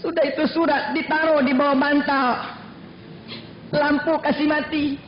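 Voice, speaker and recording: A male Islamic preacher telling a story to his students in an animated sermon, at times breaking into sung Arabic recitation. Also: extremely high pitch, a little slow, a little hiss or hum. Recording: roomy, dull lo-fi recording with faint background.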